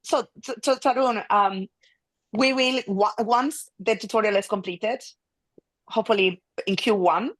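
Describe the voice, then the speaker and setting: A woman's voice: mid-range voice, unhurried, dry recording, poor audio. A woman whose first language is Spanish, hosting an online meeting in a friendly, hesitant way with many restarts. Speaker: meeting host. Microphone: video call.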